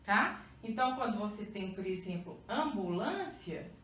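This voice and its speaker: A woman's voice: fairly high pitch, animated, takes it slowly, a bit bright. A Brazilian woman teaching a Portuguese grammar lesson. She checks often that the class follows and counts letters out one by one. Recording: roomy echo, mic far off, faint hum.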